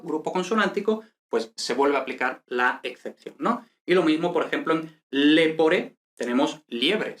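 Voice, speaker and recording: A man's voice: a little high, fairly bright tone. Casual man teaching with chatty fillers. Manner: chatty, frequent "¿vale?" and "eh" fillers. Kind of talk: casual explanatory lesson.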